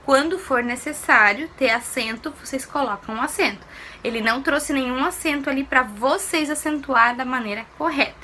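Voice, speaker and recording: A woman's voice: high voice, moderate pace, pushed and bright, a little hiss or hum. A woman teacher giving a recorded lesson to primary pupils, explaining patiently step by step and asking them questions.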